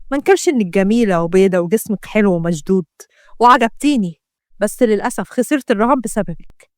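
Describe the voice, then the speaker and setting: A woman's voice: on the high side, no echo, clean studio sound, close to an everyday voice. A woman voicing an arrogant young male cheat with an Egyptian accent, sneering and dismissive. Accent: Egyptian Arabic.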